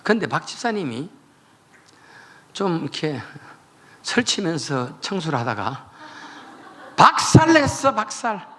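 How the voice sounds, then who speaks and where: A man preaching a revival sermon, telling the story with animated voices. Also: fairly high pitch, slow pace, long pauses. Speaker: pastor.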